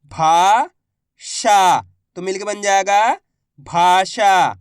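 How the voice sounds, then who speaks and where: A man teaching a reading lesson. He sounds out words one syllable at a time and repeats each word slowly. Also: sits high, smooth, no echo, studio quality.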